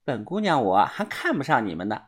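A world-weary young woman who tells hard things plainly, voiced by a woman reading the story. The tone is wry and matter-of-fact. Her voice is low and breathy. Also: big pitch swings, brisk, heavily acted.

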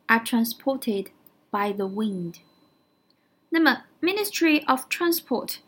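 A woman's voice: a little high, husky. A woman teaching English vocabulary, explaining words step by step, building example sentences and often checking in with "right?". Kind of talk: vocabulary lesson.

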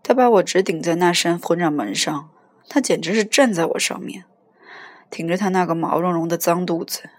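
A woman reads a novel aloud in the first person, keeping a steady storytelling pace. Her voice sits fairly low and has a breathy, husky grain. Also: moderate pace. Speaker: audiobook reader.

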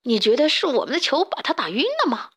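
A woman's voice: sits high, lively intonation, fast, slightly rough, heavily acted. A woman voicing a chubby, hesitant little chick in a children's storybook. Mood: timid. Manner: hesitant, quiet.

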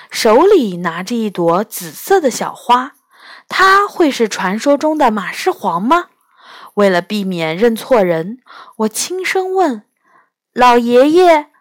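Storyteller, woman, bright high voice that swings widely, slow and unhurried, dry close mic. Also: no echo. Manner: expressive, lively delivery. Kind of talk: children's storybook reading.

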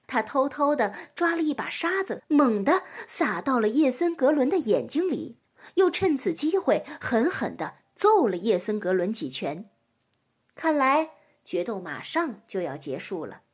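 A woman reading a children's story aloud in a gentle, expressive storytelling manner. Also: fairly high pitch, a little slow, husky.

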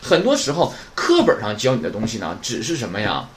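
A man's voice: on the low side, wildly swooping pitch, fairly quick, a little hiss or hum. A man from northeast China who teaches Japanese grammar in a podcast lesson, often asking the listeners questions and then answering them himself.

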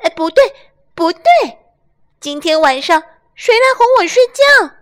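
A woman's voice: big pitch swings, unhurried, fairly bright tone, heavily acted. A woman voicing a small, whiny boy lamb who wails and complains, in a storybook reading. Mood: wailing. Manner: shrill, wailing, complaining.

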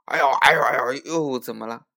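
A big, greedy tiger from a bedtime storybook, as a male storyteller puts him on. He blusters, gloats and groans, a bit higher and much louder than a plain speaking voice. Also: quick pace, vocal fry. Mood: howling.

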